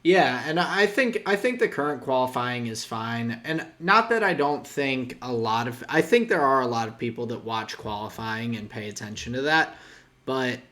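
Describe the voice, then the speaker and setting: Animated and forceful, a young podcast co-host speaks at a moderate pace in a bright, medium-pitched voice. He chats casually, rambling with lots of restarts and guesstimates.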